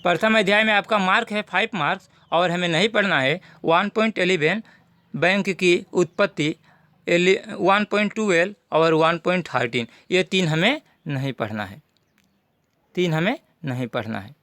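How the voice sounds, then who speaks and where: A man's voice: high-pitched, normal speed, pushed and bright, no room sound. A man teaching a class, walking students methodically through a syllabus and repeating key points. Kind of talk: syllabus walkthrough lesson.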